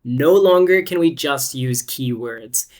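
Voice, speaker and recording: An English test-prep teacher giving a scripted online lesson, explaining step by step with lively rises and falls. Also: medium pitch, slow. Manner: clear, explanatory, instructive.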